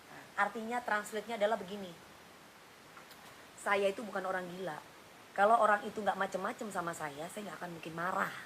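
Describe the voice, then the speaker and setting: A woman's voice: mid-range voice, a bit bright, slight background noise, low-quality recording. A middle-aged woman, a singer on a phone livestream, talking casually and bluntly, scolding and lapsing into coarse slang. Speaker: singer doing an Instagram live.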